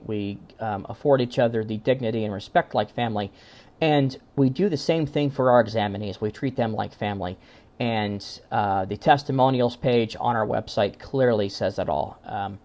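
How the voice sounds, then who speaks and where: A man with a lowish, slightly mellow voice gives an informal recorded conference presentation. He founded an amateur radio exam team and speaks earnestly and at length, using formal phrasing.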